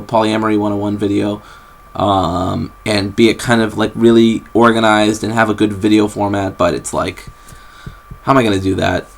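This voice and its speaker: A young man rambling casually in a vlog from his bed, with lots of fillers and restarts, recorded on a camera's built-in mic. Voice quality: very low, bassy, gravelly voice. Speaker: vlogger. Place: bedroom, sitting on a bed.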